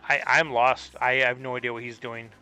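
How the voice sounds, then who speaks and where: A man's voice: mid-range voice, little pitch movement, normal speed, sharp tone, smooth, faint music behind. A man streaming a card game live, thinking aloud and puzzling over his opponent's moves in casual commentary.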